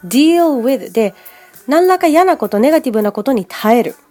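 A woman hosts a podcast English lesson, her voice fairly high and swinging widely in pitch. Her tone stays mellow and soft rather than bright. She mixes casual asides with careful, slow demonstrations of each word's pronunciation, and faint music plays behind her. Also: expressive. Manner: explains pronunciation step by step and models English words slowly; chatty asides in casual Japanese. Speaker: English teacher.

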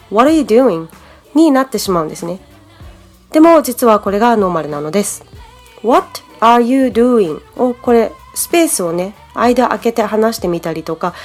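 A woman's voice: on the high side, a little mellow. A woman from Japan hosting a podcast English lesson, explaining in a friendly, chatty way. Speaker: English teacher, podcast host.

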